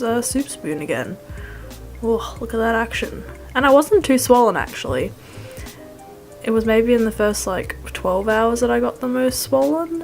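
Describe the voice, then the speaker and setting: A woman's voice: on the high side, darkish tone. A young woman doing a casual vlog voice-over in a rambling, wry, self-deprecating way with slangy phrasing. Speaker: food vlogger. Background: music.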